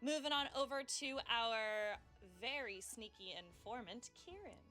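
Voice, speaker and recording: Bright-voiced upbeat woman host. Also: fairly high pitch, lively intonation, unhurried, soft background music. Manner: upbeat, playful, chatty. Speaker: game facilitator and host. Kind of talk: wrap-up of an actual-play game.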